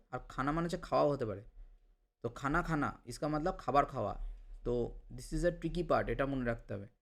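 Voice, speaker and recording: Man teaching words, repeating each slowly. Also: on the high side. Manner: repeats each word slowly, mixes in English phrases. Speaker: language teacher. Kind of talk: spoken language lesson.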